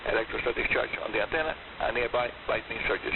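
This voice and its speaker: Heard over a hissy, narrow-band shortwave broadcast filled with static, a radio programme host with a gravelly, medium-pitched voice presents a scripted show at a fast clip.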